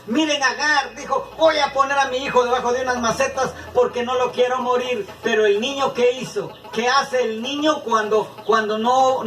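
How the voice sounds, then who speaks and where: A Latin American man preaching a sermon in an animated way, acting out the people in his stories, with a Latin American Spanish accent. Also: high voice. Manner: animated, acts out quoted voices. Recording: echoey room from far off, faint background noise.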